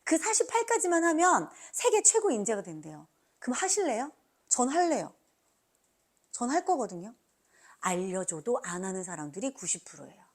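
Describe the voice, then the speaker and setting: A woman's voice: fairly high pitch, very animated, normal speed. A woman giving a motivational business seminar, emphatic and urging, throwing rhetorical questions at her listeners and acting out quotes. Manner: acts out quoted remarks. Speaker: motivational speaker training business team members.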